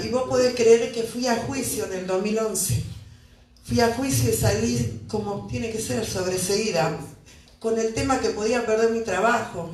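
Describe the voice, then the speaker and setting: A woman's voice: fairly high pitch, darkish tone. Middle-aged buenos aires woman telling her story at a press conference, really impassioned, keeps asking "and what happens?", sounds roomy and far from the mic. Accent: Buenos Aires Spanish. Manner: impassioned, with repeated rhetorical questions. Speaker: mother giving testimony at a press conference. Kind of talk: emotional personal testimony. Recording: echoey room, mic far off.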